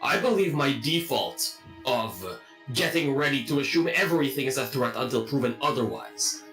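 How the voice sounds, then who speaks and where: A man's voice: mid-range voice, animated, normal speed, a bit bright, reverberant, faint music behind, low-quality recording. A man voicing a literal-minded, cold male construct in a stiff, formal robot voice for a tabletop game. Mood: matter-of-fact. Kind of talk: playing a character in a tabletop game.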